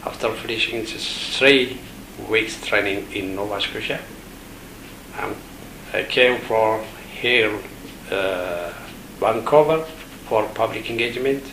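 A man from Ethiopia, an education official, giving halting interview answers with many pauses and fillers. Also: fairly low pitch, sharp tone, reverberant, a little hiss or hum, rough recording.

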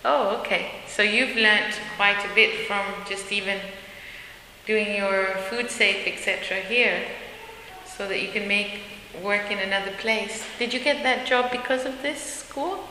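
A woman's voice: mid-range voice, steady tone, unhurried, sharp tone. A woman conducting a casual interview in a chatty way, often turning answers back into questions. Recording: echoey room, faint hiss.

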